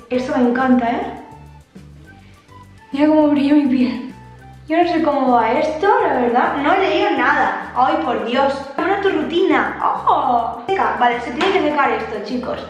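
A young woman with a Spain Spanish accent, chatting casually and excitedly to her viewers as a vlogger. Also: high-pitched, unhurried, long pauses, dull audio. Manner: chatty and exclamatory. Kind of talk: casual chat to camera. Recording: very echoey room, faint music.

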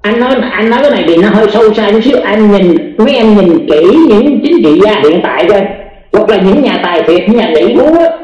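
Male talk guest with a high voice, calm and explanatory, heard in a roomy, dull-sounding recording. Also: brisk, faint music behind. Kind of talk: casual talk. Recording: echoey and dull, slightly lo-fi.

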